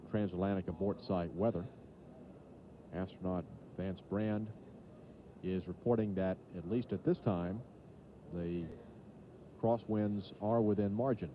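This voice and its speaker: A man giving live mission commentary as a launch control announcer, measured and matter-of-fact, on archival broadcast audio. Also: low voice, narrow, tinny audio, slight background noise.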